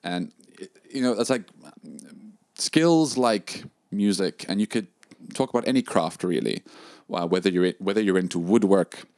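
A man's voice: low voice, a little slow, a little mellow, no room sound, clean studio sound. A young man, a drum teacher, talking casually in a chat, with many fillers and restarts. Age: young adult.

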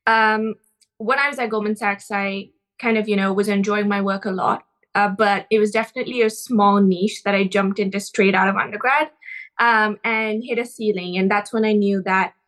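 A woman's voice: medium pitch, steady tone, normal speed, fairly bright tone, rough recording. A woman in her twenties from India, a student guest speaking reflectively in a conversational interview.

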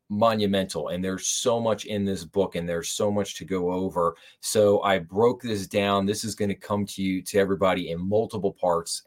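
A man hosting a podcast from a home library, reviewing a book in a casual, rambling way with frequent fillers and restarts. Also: low voice. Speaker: podcast host.

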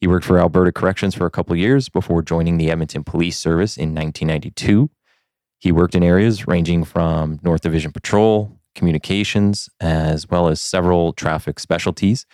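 A man's voice: low-pitched, steady tone, a little fast, darkish tone, no room sound, clean studio sound. A man hosting a podcast, introducing his guest and asking friendly, easygoing questions with plenty of fillers. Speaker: podcast host. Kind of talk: conversational podcast interview.

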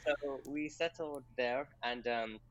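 A man's voice: mid-range voice, fairly even intonation, slow, fairly bright tone, muffled recording. A man in his twenties, a doctor raised in England, chatting casually as a podcast guest and laughing often. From Pakistan, raised in England.

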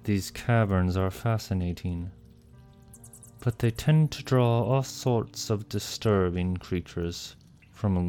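Sly big tomcat done by a guy, low slow purring tone, a bit of music under it. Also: warm tone, smooth. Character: sly scheming talking tomcat, male, great size. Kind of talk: storybook character voice. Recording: faint music behind the voice.

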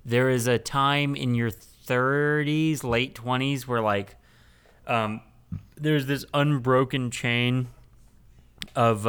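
A tired man hosting a podcast, retelling a film in halting casual chat full of fillers. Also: medium pitch, a bit bright, clear, resonant tone. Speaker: podcast host recapping a film.

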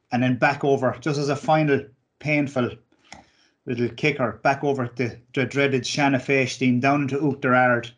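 Irish male interviewer, medium pitch. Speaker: interviewer, host. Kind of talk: conversational interview.

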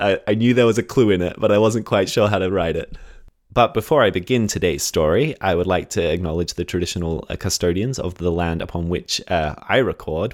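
An Australian man hosting a podcast, telling a history story in casual chat, laughing often and correcting himself as he goes. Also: deep voice.

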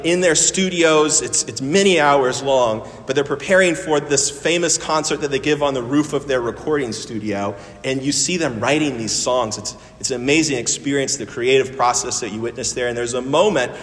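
A man preaching a sermon, reading scripture in a measured way and then talking conversationally, with some restarts. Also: fairly high pitch, a bit bright. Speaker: pastor. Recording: long reverb of a large church hall.

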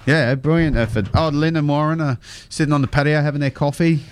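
A man's voice: fairly high pitch, fairly even intonation, quick pace, smooth. An Australian man co-hosting a radio show, chatting casually in a matey, slangy way.

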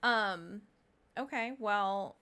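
A young woman hosting a casual podcast interview at home, chatty and quick with asides. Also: mid-range voice, pushed and bright, smooth. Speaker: podcast host. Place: home room with a dog.

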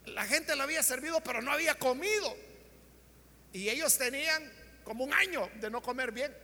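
High, bright-voiced preacher man in a hall. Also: fairly quick. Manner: dramatic, shouts out the characters' lines. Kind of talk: sermon storytelling.

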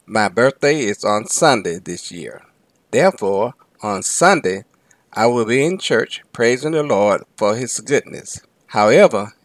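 A man reading as an earnest, struggling young single mother, telling her story slowly in the first person. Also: mid-range voice, dry recording, lightly acted.

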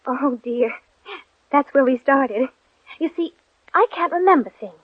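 A woman voices a courteous, inquisitive little girl musing to herself in an old 1940s radio drama. She sounds high-pitched, expressive and unhurried, with no room sound, and the recording is dull and dated.

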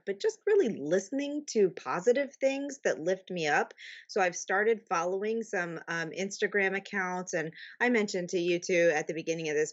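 A woman's voice: lowish voice, a bit bright, muffled recording. A woman guest on a podcast, chatting casually, laughing often and using lots of fillers. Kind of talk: casual interview chat.

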